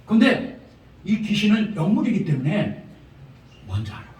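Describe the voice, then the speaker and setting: High-voiced Korean pastor preaching in echoey hall. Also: male voice, big pitch swings, normal speed, a little mellow, a little hiss or hum. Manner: humorous storytelling, chuckling, emphatic repetition. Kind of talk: revival sermon. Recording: echoey prayer-house hall from far off.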